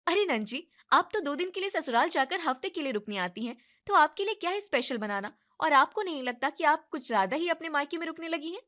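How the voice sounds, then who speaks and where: A woman voicing a hardworking young sister-in-law who scolds in a stern, fed-up way in an animated story. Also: high-pitched, fairly quick. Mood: scolding.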